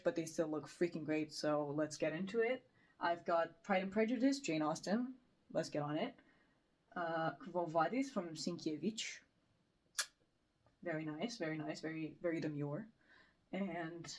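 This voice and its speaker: A woman's voice: sits low, darkish tone. A young woman from Romania in a casual, rambling chat, self-deprecating and full of fillers. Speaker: book vlogger. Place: bedroom.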